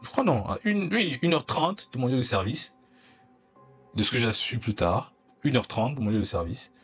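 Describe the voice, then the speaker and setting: A man's voice: mid-range voice, big pitch swings, normal speed, husky, faint music behind. A young man, earnestly telling a personal story in an interview and acting out the dialogue. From Cameroon. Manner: earnest, recounting, acts out dialogue.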